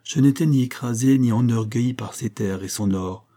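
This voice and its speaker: A man reading a classic novel aloud as a first-person audiobook narration, earnest and measured. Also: mid-range voice, warm tone. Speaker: audiobook reader.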